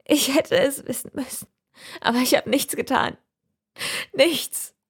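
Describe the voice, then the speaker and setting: A woman reading an audiobook and voicing a worn-out, troubled young mother who speaks tiredly and quietly. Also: mid-range voice, normal speed, creaky, slightly rough. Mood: tearful. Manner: tired, quiet, breaks into tears.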